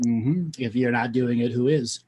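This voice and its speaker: A man's voice: medium pitch, normal speed, dark tone, husky. Blunt, coaching man host. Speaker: host giving spiritual readings. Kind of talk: call-in show chat.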